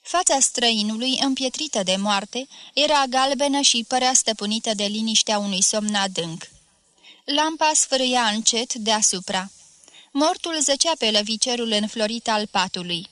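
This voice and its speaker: A woman reads a classic story aloud in a steady, measured way. Her voice is bright and a little high, recorded close in a dry room. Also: dry recording. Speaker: narrator.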